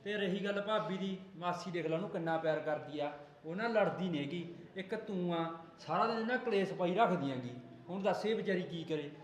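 A man's voice: sits high, brisk, echoey room, a little hiss or hum, lightly acted. A young man from Punjab playing an easygoing husband who defends his wife, coaxing and placating. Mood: arguing. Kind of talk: amateur village drama acting.

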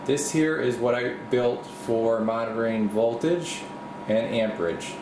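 Speaking from behind the camera in his small home workshop, a video host who repairs radios rambles through a casual, unscripted tour, thinking out loud. He has a mid-range voice and a measured pace, picked up by the camera mic in a roomy space with a constant air-conditioner-like hum.

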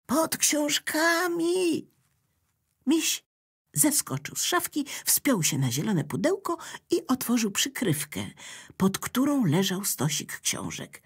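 A woman reads a children's story aloud, slow and unhurried. Her voice is slightly husky and moves a lot, expressive and a little low. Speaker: narrator.

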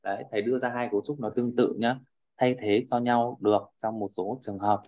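A man teaches an online class over a video call, frequently checking in with students and repeating filler words as he explains. His medium-pitched voice is steady and fairly quick, and the audio sounds dull.

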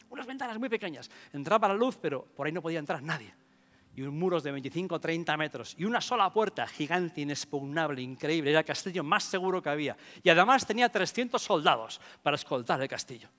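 A man telling a story as a motivational speaker, in an animated storytelling manner. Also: on the high side. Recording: long hall reverb, soft music.

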